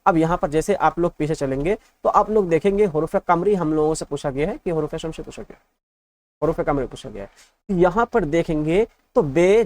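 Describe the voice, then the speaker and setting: A male teacher runs an exam-prep lesson, patiently drilling letters through repeated lists and putting check questions to the class. His voice sits on the high side.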